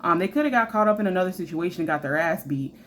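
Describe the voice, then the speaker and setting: A woman's voice: on the low side, animated, very fast, fairly bright tone, slight background noise. A woman giving a casual tarot reading, talking in a chatty, frank way with many fillers. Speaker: tarot reader.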